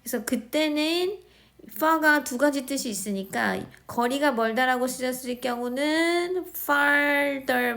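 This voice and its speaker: A woman's voice: a little high, gravelly. A woman teaching English grammar in a recorded lesson, speaking with a Korean accent, explaining step by step and often checking that students follow. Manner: slow, explaining, repeating words and checking understanding.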